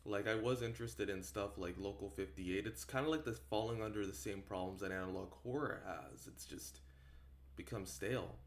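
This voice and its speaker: Speaking in a lowish voice with fairly even intonation, a man shares off-the-cuff opinions with his online audience. His talk is casual and rambling, halting at times, and he repeats himself to stress points.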